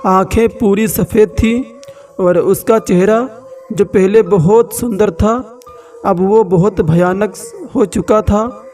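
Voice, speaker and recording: A man narrating a scripted horror story slowly and dramatically with long pauses. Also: sits high, a little mellow, recorded from a distance, faint music behind.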